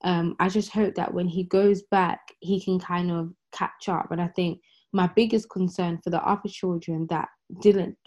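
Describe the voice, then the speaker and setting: A woman speaks thoughtfully in a casual discussion. Her voice is lowish and mellow, and the recording sounds dull and lo-fi. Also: fairly even intonation, moderate pace. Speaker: mother of a school child.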